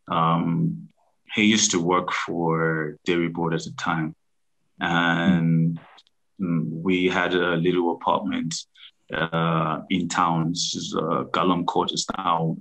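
A man in his thirties from Zimbabwe, a business founder telling his story over a video call in a halting, restarting way. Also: deep voice, gravelly, fairly bright tone, rough recording. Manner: halting, many restarts and fillers. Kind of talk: casual interview storytelling. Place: room at home, indoors.

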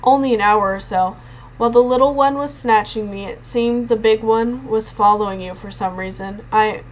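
A woman's voice: a little high, steady tone, normal speed, lo-fi sound, slight background noise, lightly acted. A woman voicing a haughty, frightened young aristocratic boy who talks in a lecturing, superior tone. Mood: tense.

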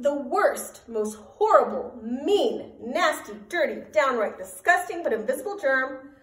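A woman reads a children's storybook aloud in a sing-song, emphatic way, her voice swooping widely up and down. She speaks slowly and a little high. The sound is roomy and distant, as if caught from across a room. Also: fairly bright tone. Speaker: teacher reading to children.

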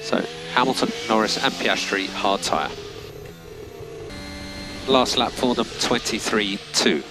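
Over music, a man with a lowish voice and vocal fry speaks slowly, leaving long pauses. He's a race engineer on team radio, giving clipped, matter-of-fact instructions and timing figures. The transmission is noisy, with vehicle sound from motor racing behind it.

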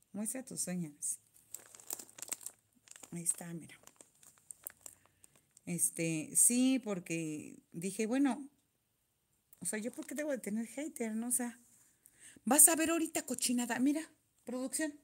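A woman's voice: mid-range voice, animated, slow, pauses often, warm tone. Chatty Mexican woman venting to viewers. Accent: Mexican Spanish. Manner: chatty, venting, reads viewer comments aloud. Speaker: nail vlogger reading live chat. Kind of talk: casual live chat.

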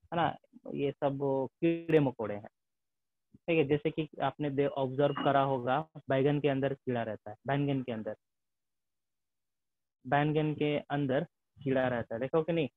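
A man's voice: medium pitch, dry recording. A male teacher giving a classroom lecture, mixing English terms into his speech and checking in with tag questions. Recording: tinny phone-like sound.

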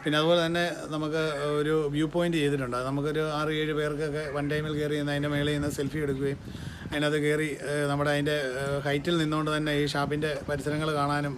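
Male venue representative, Kerala Malayalam accent with English words, quick, slightly high voice, noisy location. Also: completely flat delivery. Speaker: toddy shop representative. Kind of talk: casual interview explanation. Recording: clearly noisy on-location background.

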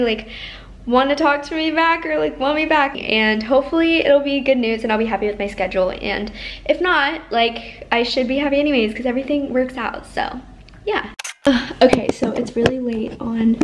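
A young American woman chatting casually to camera in a bubbly sorority-girl manner, peppering her talk with "like". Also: high voice. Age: young adult, around college age. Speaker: vlogger, student going through sorority recruitment. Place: small bedroom or dorm room, indoors. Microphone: camera mic at arm's length.

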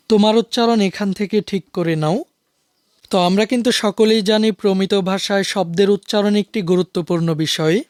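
Man explaining a lesson in a high voice. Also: clear, resonant tone, no room sound, clean studio sound. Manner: calm, steady explaining to students. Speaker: teacher. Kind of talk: explaining a school textbook lesson.

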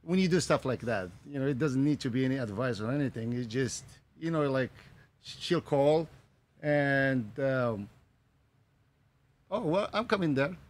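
A man in his forties from Morocco, a running coach, speaking in a halting, filler-heavy way into a handheld mic outdoors on a patio. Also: mid-range voice, lively intonation. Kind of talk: casual interview.

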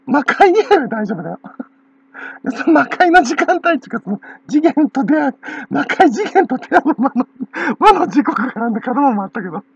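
A woman's voice: sits high, big pitch swings, moderate pace. A woman with a Kansai accent talking in a rambling casual monologue, laughing often between phrases, on a dull lo-fi recording. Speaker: channel owner.

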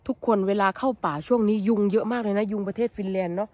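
A woman with an Isan accent, vlogging excitedly while foraging outdoors in a forest, full of exclamations. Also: medium pitch, quick pace, no echo. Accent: Isan (Northeast Thai). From Thailand. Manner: exclamatory, excitable, lots of cries of delight. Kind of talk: excited foraging vlog chat.

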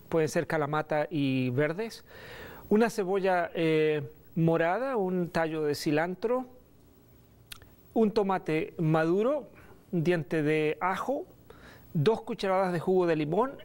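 A middle-aged man presenting a recipe on a studio kitchen set, relaxed and pausing often with fillers. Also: high-pitched, clean tone. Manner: relaxed, hesitant with many fillers. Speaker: cooking show host. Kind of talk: cooking demonstration.

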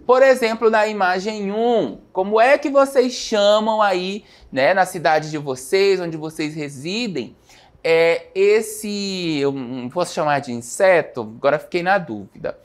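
A woman's voice: lowish voice, lively intonation, measured pace. A woman teacher giving a televised school lesson, explaining step by step and often checking in with the students. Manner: explanatory, frequent checking tags like "né?" and "tá?".

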